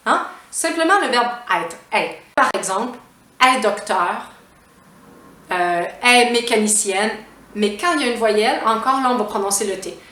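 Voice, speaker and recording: A Québécois French teacher, a woman, walks learners through pronunciation slowly and patiently. She repeats each example and checks in with little "hein?" and "ouais". Her voice sits a bit away from the mic in a roomy, echoing space. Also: a little high, lively intonation, bright, forceful tone, recorded from a distance. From Quebec. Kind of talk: casual spoken grammar lesson.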